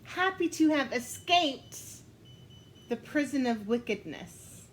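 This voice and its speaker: Woman, casual storyteller at a card game, slow and thinking aloud, higher voice, faint hiss in the background. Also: animated, low-quality recording. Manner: unhurried, laughs often, thinks aloud.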